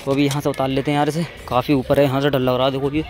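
A young man vlogging from open rooftops talks very fast in a medium-pitched, level voice. His informal commentary is repetitive and friendly toward viewers, and the handheld open-air recording is noisy.

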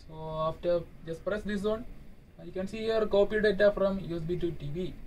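In a small cruise cabin, a young ship's electrician holds his phone camera and walks through the hotel TV setup as a casual how-to, explaining in halting non-native English full of fillers. His voice is high-pitched and darkish with fairly even intonation. The low-quality recording is distant, with slight background noise.

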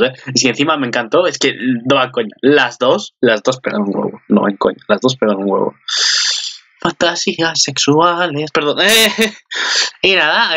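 A man rambles through casual commentary, crude and joking, with many fillers. His voice sits a little high and sounds bright and tense. The recording is dull and lo-fi. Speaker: channel host. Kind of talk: casual commentary on an anime preview.

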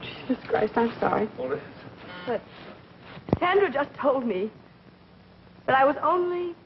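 A woman acting a 1940s film scene who speaks briskly and curses when she forgets her line. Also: high voice, animated. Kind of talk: film scene with blown lines. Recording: muffled hissy 1940s film soundtrack.

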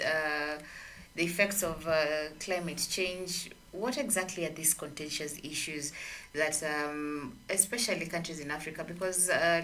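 A woman's voice: sits low, fairly bright tone, distant mic, a little hiss or hum. A woman, co-hosting a radio discussion and asking long, winding questions with fillers. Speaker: radio co-host. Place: radio studio with red walls. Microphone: studio boom mic.

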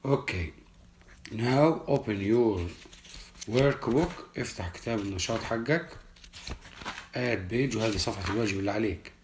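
A man, teaching a children's English lesson and explaining each word slowly and carefully. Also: on the low side, background noise. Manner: slow, deliberate, repeats each word for children. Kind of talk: primary school English lesson, explained in Arabic.

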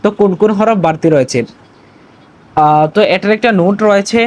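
Patient man teaching letters slowly. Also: high-pitched, darkish tone, low-quality recording. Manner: patient, deliberate letter-by-letter teaching with frequent "to" fillers; stresses pronunciation and asks viewers to repeat. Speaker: Urdu teacher. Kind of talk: recorded online language lesson.

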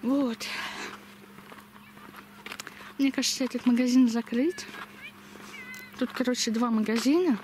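Walking down a village street, a young woman vlogs casually into a camera held at arm's length, her lisp slushing s sounds into sh. Her voice is a little high and darkish, at a moderate pace. The outdoor recording is noisy.

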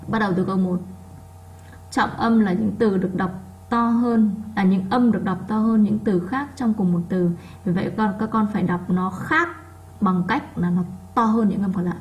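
A woman whose first language is Vietnamese, teaching English and going over a workbook test. She reads words slowly with marked stress so students can repeat them. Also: medium pitch, darkish tone, low-quality recording. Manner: drills pronunciation, reading words slowly with stress. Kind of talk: classroom lesson explanation.

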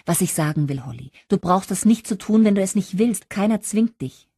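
A woman's voice: mid-range voice, expressive, brisk, mellow, slightly rough, dry recording, clean studio sound. A woman voicing a young woman friend who coaxes urgently through a toilet door in an audiobook. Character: young woman friend, soothing then fierce.

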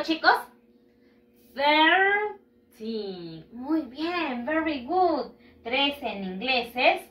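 Lively-voiced woman teaching children English. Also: high-pitched. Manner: slow, drawn-out modelling of English words; repeats each word and praises the children. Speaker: primary school English teacher. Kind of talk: recorded online lesson for children. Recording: roomy echo.

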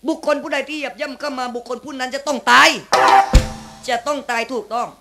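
In a shadow-puppet play, a man voices the haughty young daughter of a guardian spirit, sternly and formally threatening intruders. His voice is pushed up very high, with fairly even intonation and a quick pace. Loud puppet-theatre band music plays behind him.

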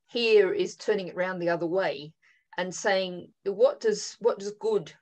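A woman moderating an online panel discussion over a video call, speaking thoughtfully and haltingly with frequent fillers. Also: mid-range voice, a little mellow, poor audio. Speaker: webinar moderator.

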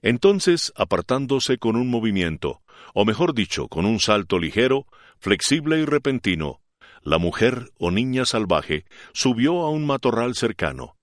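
A man reading a classic novel aloud as an audiobook narrator, in an expressive, dramatic way. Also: medium pitch, a little slow, no room sound, studio quality.

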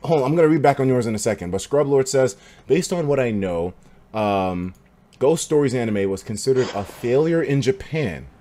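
An American man in his twenties chatting and reacting casually on a livestream, expressive, slangy and profane. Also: mid-range voice, moderate pace. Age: 20s. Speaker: livestreamer reacting to videos and reading chat. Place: indoor streaming room.

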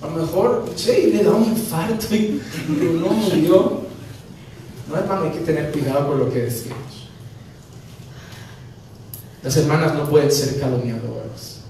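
Man, pastor, animated sermon, booming echo, faint hiss behind. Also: a little slow, pauses often. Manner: animated, acting out dialogues with humor. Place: church sanctuary. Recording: very echoey church from a distance, faint noise.

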